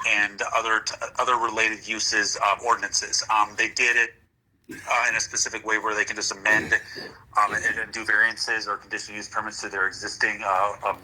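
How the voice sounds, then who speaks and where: A man in his thirties from North Dakota comes through a speakerphone into the room. His voice sits low but sounds very bright and edgy. He walks through a planning update in a plain, businesslike way. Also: rough recording. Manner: plain, matter-of-fact, working through points. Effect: heard over a speakerphone in the room. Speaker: regional planner giving an update. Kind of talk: businesslike update at a public meeting.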